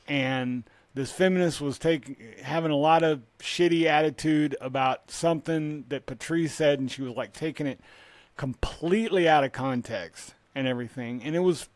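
A man on a comedy podcast tells long rambling stories, circling back over his own phrases and dropping curses. His voice sits somewhat high and sounds close and dry. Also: no room sound. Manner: rambling, repeats phrases, profane. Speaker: podcast co-host. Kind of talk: casual comedy podcast chat.

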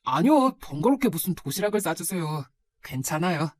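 A woman's voice: lowish voice, very animated, a little fast, a little mellow, no room sound, pitched below the performer's own voice. A woman voicing a nineteen-year-old son in a told story, with a reproachful, pointed manner. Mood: quiet, polite. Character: nineteen-year-old son, resentful but gentle with grandmother. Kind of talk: storybook narration.

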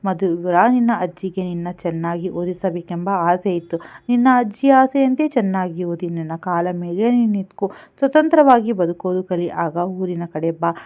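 A woman's voice: fairly low pitch, moderate pace, darkish tone, natural voice. Woman reader doing a tender, motherly older neighbour woman from a village.

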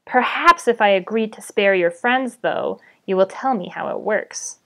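A woman voicing a cruel, mocking male goblin leader with a raspy voice, read aloud from a novel. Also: medium pitch, measured pace, bright, forceful tone. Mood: sneering. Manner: sneering, menacing commands.

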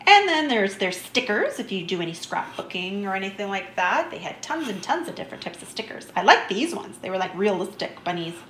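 A chatty woman vlogger narrates her shopping finds in an easygoing, upbeat way. Her voice sits at a middle pitch. The sound is roomy and echoey, with a faint hum underneath. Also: a bit bright. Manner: chatty, easygoing, enthusiastic about small finds. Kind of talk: shop-with-me voice-over narration.

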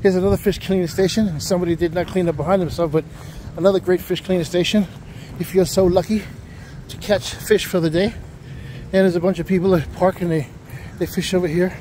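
A man's voice: high voice, fairly even intonation, a little fast, warm tone. A middle-aged man, casually narrating a walking tour outdoors at a waterfront park and chatting with people he passes. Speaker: vlogger giving a walking tour. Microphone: handheld camera while walking. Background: faint wind and outdoor ambience.

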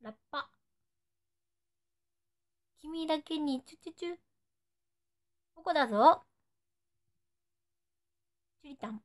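A playful young woman with a Nagoya accent chats on a casual live stream, saying the short cutesy phrases her fans request. Her voice is high, her pace moderate, and she leaves long pauses.

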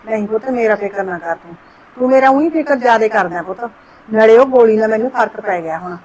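Actress as an older mother-in-law, soft, coaxing, motherly, slightly high voice. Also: fast talker, close to an everyday voice, low-quality recording. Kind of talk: village family short-film acting.

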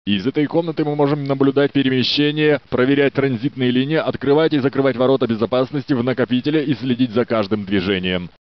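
In these Russian game dub lines, a man plays a research facility's security guard who is dutiful, polite, friendly, and slightly flirtatious. His mid-range voice is quick, with hardly any pauses, and only lightly acted. The recording is a dry, dull studio dub.

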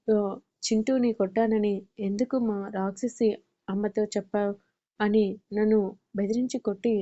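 A woman's voice: medium pitch, mellow. A woman narrating a family audio story, reading every character's lines in much the same voice. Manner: reads all characters in her own voice with small shifts. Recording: dull lo-fi recording.

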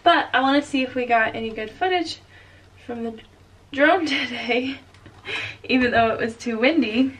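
A woman's voice: on the high side, normal speed, long pauses, far from the mic. A woman vlogger chatting casually to camera at home, laughing easily as she talks. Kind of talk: casual vlog chat. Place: indoors at home after a trip.

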